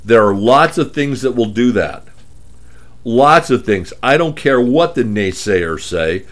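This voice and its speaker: A male radio host giving money and retirement advice in a steady, middle-pitched voice. He talks emphatically to listeners and hammers home his points with rhetorical questions, one after another. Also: a little slow. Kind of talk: radio talk monologue.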